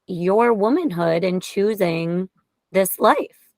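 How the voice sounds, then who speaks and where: A woman's voice: mid-range voice, expressive, slow, darkish tone, no room sound. A woman hosting a podcast, talking openly and emphatically in a heartfelt conversation. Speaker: podcast host.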